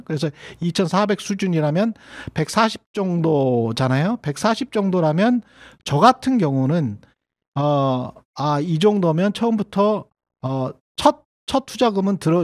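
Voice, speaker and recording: A man's voice: a little high, darkish tone. A middle-aged man hosting a solo economics commentary, speaking conversationally with frequent fillers and self-corrections. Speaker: host of an economics commentary channel.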